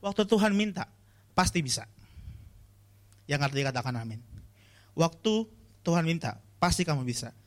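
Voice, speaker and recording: A man's voice: on the high side, lively intonation, moderate pace, pauses often. A man giving a casual, slangy youth sermon to viewers at home, often calling out to his audience. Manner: chatty, slangy, pleading refrains to the audience. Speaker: youth preacher.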